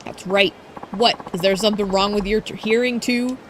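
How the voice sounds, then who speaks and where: A woman's voice: mid-range voice, fairly even intonation, normal speed, noisy background, natural voice. A woman voicing a bratty, arrogant young female rival idol who talks in a haughty, taunting, boastful way.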